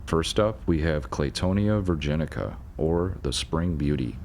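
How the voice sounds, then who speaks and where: A man with a strikingly deep, low voice and some vocal fry narrates an educational nature video in an even, measured way. His scripted delivery is informative with occasional dry asides, and a faint hiss lies under the voice-over.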